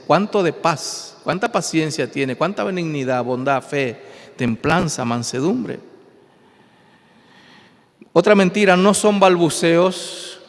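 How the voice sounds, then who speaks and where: A pastor preaching an emphatic sermon, his voice rising and falling. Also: fairly high pitch. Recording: long hall reverb.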